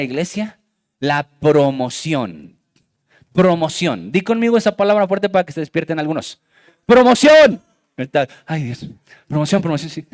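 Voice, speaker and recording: A male pastor preaching a fervent sermon in a church, speaking directly to his congregation with a Mexican Spanish accent. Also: on the high side. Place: church sanctuary.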